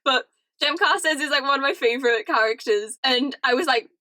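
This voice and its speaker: A young British woman ranting casually to camera, animated and laughing often, with lots of "like". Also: high voice, brisk, no echo. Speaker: vlogger. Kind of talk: casual chatty rant to camera.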